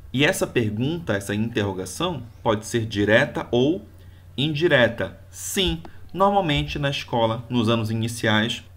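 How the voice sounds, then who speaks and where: A man's voice: medium pitch, fairly bright tone. A male teacher explaining grammar rules step by step, using example sentences. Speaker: Portuguese teacher. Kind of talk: video grammar lesson.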